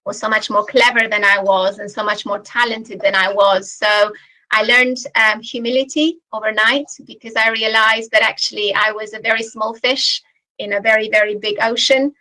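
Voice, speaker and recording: Woman, 40s, Albanian-born native speaker, executive keynote over video call; slightly high, bright, earnest. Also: steady tone, normal speed, poor audio. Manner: earnest, reflective storytelling. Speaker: chief executive giving a guest talk. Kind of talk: personal keynote talk to students.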